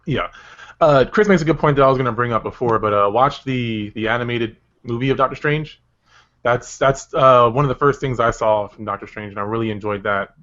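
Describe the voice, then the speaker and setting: A man's voice: medium pitch, a little fast, fairly bright tone. A man hosting a casual podcast chat, talking with a lot of hesitations while he steers the discussion. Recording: dull lo-fi audio.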